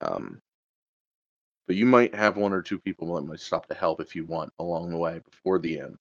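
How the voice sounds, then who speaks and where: A man's voice: deep voice, animated, normal speed, gravelly, dry recording. A man narrating a tabletop game as game master, hesitant and full of fillers. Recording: dull, lo-fi sound.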